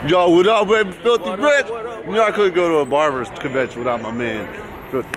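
A young man vlogging casually into a handheld camera, excitable and slangy, swearing often. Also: a little high, fairly quick. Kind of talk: casual vlog chat. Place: city street and crowded convention hall. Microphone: handheld camera at arm's length. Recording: loud crowd and music behind.

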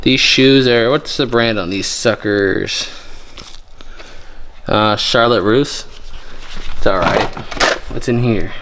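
A man's voice: mid-range voice, slow, pauses often, a bit bright, a little hiss or hum. Chatty young man rummaging a storage unit. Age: young adult. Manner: chatty, joking, thinking aloud while rummaging. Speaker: storage unit treasure hunter. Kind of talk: casual vlog narration. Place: indoor metal storage unit.

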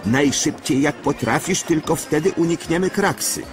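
A man's voice: on the high side, normal speed, music in the background, voice pushed up, lightly acted. A man voicing a male engine driver in a cartoon story, urging his engine on with urgency. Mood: urgent.

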